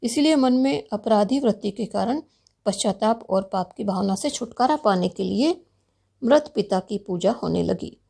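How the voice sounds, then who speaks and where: A woman philosophy lecturer giving a recorded university lecture in a steady, explanatory teaching tone. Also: mid-range voice, moderate pace, vocal fry.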